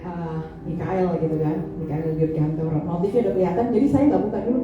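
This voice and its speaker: Speaking fast in a fairly low voice, a middle-aged female pastor jokes with her congregation during a casual, playful sermon. She's in a big church hall, and the distant mic picks up echo, music, background noise, and a muffled tone.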